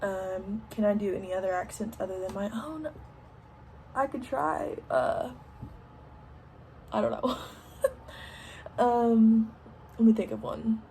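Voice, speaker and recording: A woman's voice: mid-range voice, slow pace, pauses often, dark tone, a little hiss or hum. Chatty young woman with a country twang. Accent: Southern US country. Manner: chatty, many ums and likes. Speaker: vlogger. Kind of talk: casual Q&A while doing makeup. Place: home, indoors.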